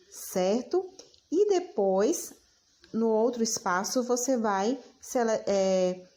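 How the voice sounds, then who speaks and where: A woman teacher, giving a recorded lesson for children and dictating words slowly, repeating each one. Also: on the high side.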